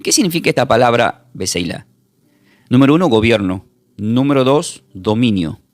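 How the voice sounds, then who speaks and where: A man, a pastor teaching a recorded Bible class in an emphatic preaching manner, repeating words and slowly spelling out terms. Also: mid-range voice, lively intonation, no room sound.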